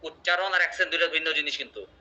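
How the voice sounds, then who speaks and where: A man's voice: fairly high pitch, very fast, bright, forceful tone. A man teaching an English class, explaining with examples and quizzing his students. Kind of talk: online class lecture. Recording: muffled lo-fi audio.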